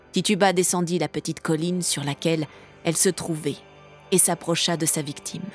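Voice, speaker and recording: A woman reads a fantasy audiobook in a slightly low voice, her delivery steady and measured. Faint music runs underneath the narration.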